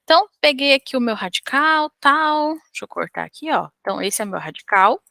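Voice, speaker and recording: A woman's voice: sits high, expressive, brisk, gravelly, bright, forceful tone, dry recording. A woman with a Brazilian Portuguese accent teaching French grammar, patiently drilling verb conjugations step by step. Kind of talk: whiteboard grammar lesson.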